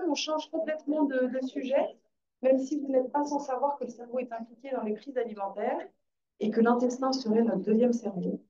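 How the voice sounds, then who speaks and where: A woman moderating a conference session, introducing the topic and speakers. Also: sits high. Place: conference room. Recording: distant, dull conference microphone.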